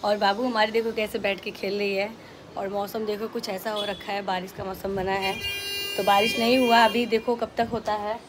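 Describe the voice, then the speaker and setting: In a home vlog recorded indoors, a mother narrates her day to viewers in a chatty way and occasionally turns to her small child with sing-song baby talk. Her mid-range voice has a flat delivery at normal speed, with background noise present.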